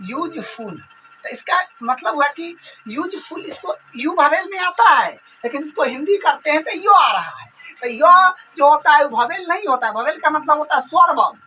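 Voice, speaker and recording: Woman, grammar teacher, high bright voice, repeats each rule. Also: animated, recorded from a distance, slight background noise, low-quality recording. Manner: slow, repetitive explaining. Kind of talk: grammar lesson explanation.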